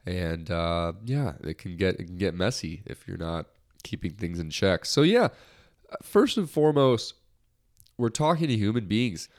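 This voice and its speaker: Hosting a casual podcast by himself, a young American man rambles in a lighthearted way with many restarts. He speaks in a low-pitched, sing-song, unhurried voice that is slightly nasal from a recent cold.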